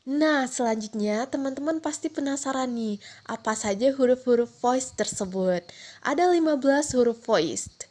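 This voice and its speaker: A young adult woman giving a phonetics lesson, patiently repeating each sound slowly. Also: high voice, darkish tone. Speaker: teacher.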